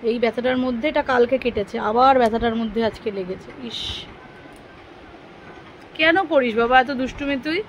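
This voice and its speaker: High-voiced playful young mother. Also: moderate pace, lo-fi sound, slight background noise. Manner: playful, teasing, then soft and soothing. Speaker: mother vlogging her young son. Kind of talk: casual family vlog narration.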